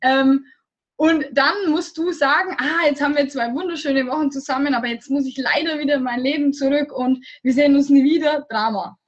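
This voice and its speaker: High-voiced chatty young woman. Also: brisk, lo-fi sound. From Germany. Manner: chatty, rambling, frequent fillers and laughter. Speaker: guest. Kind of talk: casual interview chat.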